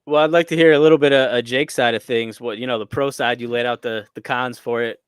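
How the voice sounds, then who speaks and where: Easygoing guy from scranton on a sports podcast, smooth clear voice, dry mic. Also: medium pitch, fairly even intonation, fast talker, dry recording. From Scranton, Pennsylvania. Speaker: podcast co-host. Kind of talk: casual sports talk.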